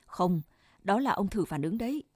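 A woman reading the part of a calm, kindly old male doctor in a told story, speaking reassuringly. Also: mid-range voice, moderate pace, breathy edge, no room sound, studio quality.

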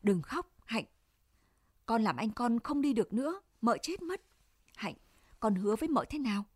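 An anguished middle-aged mother holding back grief, her pleas tight and hushed, as a woman reads her. The voice sits fairly high and sounds close and dry. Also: very animated, moderate pace, husky, dry recording. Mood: hushed scolding. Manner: pleading, tightly restrained.

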